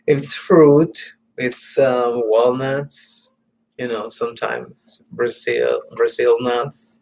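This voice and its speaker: Male vlogger, very slow and halting, rambling chat with whispered asides, mid-pitched voice. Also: level tone, creaky, darkish tone, low-quality recording. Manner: halting, meandering, many fillers and restarts; drops to muttered, whispered asides. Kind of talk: casual rambling monologue.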